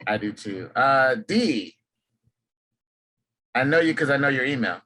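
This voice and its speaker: Over a video call, a Los Angeles man hosts an online workshop, cheerfully calling on each participant by name during introductions. His mid-range voice is expressive, bright and forceful, delivered at a measured pace.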